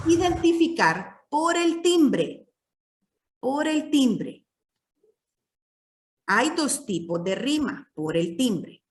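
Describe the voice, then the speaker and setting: A woman's voice: fairly high pitch, a bit bright, far from the mic. A woman teaching a literature class, explaining patiently and checking in with her students often.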